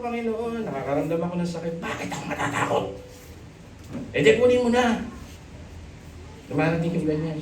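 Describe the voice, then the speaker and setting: A middle-aged man with a Filipino accent preaching a sermon, animated and joking, mixing Tagalog with English. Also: fairly high pitch, recorded from a distance, slight background noise. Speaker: pastor. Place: church hall. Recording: echoey church hall, from off the mic.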